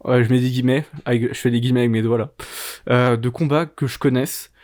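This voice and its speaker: A man's voice: mid-range voice, fairly even intonation, fast, darkish tone. A man co-hosting a podcast, casually and enthusiastically recommending shows, with frequent fillers and restarts. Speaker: podcast co-host.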